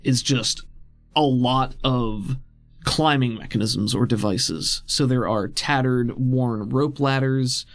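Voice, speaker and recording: Slow and mid-range in pitch, a man's voice lays out scenes for a tabletop roleplaying game as game master, telling them in a casual, story-like way. Background music plays under his speech.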